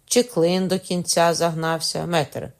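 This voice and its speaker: A woman's voice: fairly low pitch, flat delivery, measured pace. A woman doing a cold, curt male judge. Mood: cold commanding. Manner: curt, commanding.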